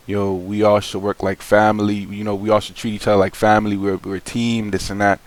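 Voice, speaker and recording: A young man with a somewhat low voice speaks straight to his viewers in an unscripted vlog. His talk is loose and slangy, full of fillers and restarts. He sounds frank and aggrieved as he airs his complaint. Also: little pitch movement, brisk. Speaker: vlogger. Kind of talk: casual vlog monologue.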